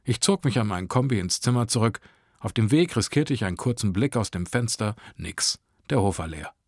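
A man's voice: fairly low pitch, expressive, brisk, a little mellow, dry recording, studio quality. Man reading a sardonic story. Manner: sardonic, crude first-person narration. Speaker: narrator. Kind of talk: reading a short story aloud.

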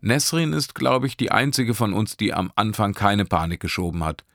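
A man's voice: fairly low pitch, animated, moderate pace, vocal fry, a bit bright, dry recording, studio quality, pitched above the performer's own voice. Teasing, chatty young woman driver, as a man reads her. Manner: talkative, teasing, laughing often. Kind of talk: audiobook character voice.

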